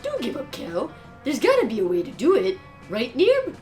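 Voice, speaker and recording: An earnest, simple-minded young jock acted by a woman in a tabletop game. The voice is rather high and very animated, excitable and eager, with faint music behind. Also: moderate pace. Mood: encouraging. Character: dim, eager, puppyish young male jock. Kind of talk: in-character tabletop game role-play.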